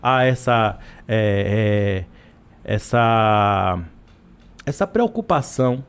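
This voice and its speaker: A man's voice: lowish voice, animated, very slow, clean tone. Hesitant Brazilian man, professor guest. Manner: hesitant, many restarts and repeated words. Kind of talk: podcast interview.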